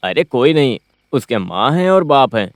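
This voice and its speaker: An actor dubbing a stingy, tipsy, blustering older man in a film scene. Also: normal speed. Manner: blustering, jumps to a high excited pitch. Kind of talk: Hindi film dub.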